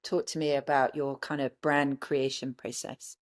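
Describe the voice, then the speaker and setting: A woman's voice: very deep voice, little pitch movement, normal speed. A woman hosting an interview podcast, asking casual questions with frequent hesitations and restarts.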